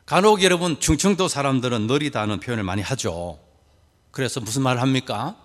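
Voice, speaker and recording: A male pastor delivers a sermon with an animated, widely swinging pitch. He keeps asking the congregation rhetorical questions and drops in folksy, humorous asides. His voice carries the long reverb of a large hall. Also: fairly quick.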